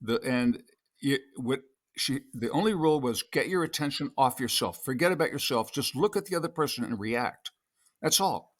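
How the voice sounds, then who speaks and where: A man's voice: medium pitch, lively intonation, moderate pace. Older male guest; chatty storyteller, restarts a lot, average voice. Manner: rambling anecdotes with many restarts. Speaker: podcast guest, actor. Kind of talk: casual interview storytelling.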